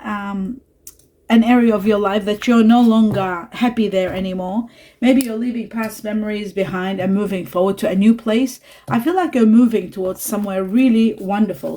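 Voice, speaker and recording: A woman giving a spiritual tarot reading to her viewers, talking softly and reassuringly, pausing with fillers and asides. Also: medium pitch. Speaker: tarot reader. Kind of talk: spiritual card reading to camera.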